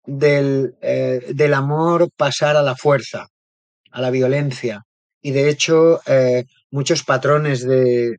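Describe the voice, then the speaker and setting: A man's voice: fairly high pitch, no echo. A man, a therapist being interviewed, explaining ideas thoughtfully and often checking in with little tag questions. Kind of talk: reflective interview talk.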